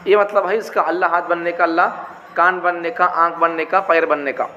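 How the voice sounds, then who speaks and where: Guy preaching, fairly high voice, keeps asking "what does it mean", dull boomy hall recording. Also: fairly even intonation, brisk, bright, forceful tone, faint music behind. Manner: keeps asking rhetorical questions and repeating points. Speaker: religious teacher. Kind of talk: teaching talk on prayer. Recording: dull, echoey hall with faint noise.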